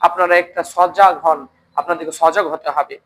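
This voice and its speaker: Man, coaching teacher, storytelling lesson, high pitch, bright tone, rhetorical check-ins. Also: fairly even intonation, fairly quick. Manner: keeps asking listeners if they follow. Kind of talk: moral storytelling talk.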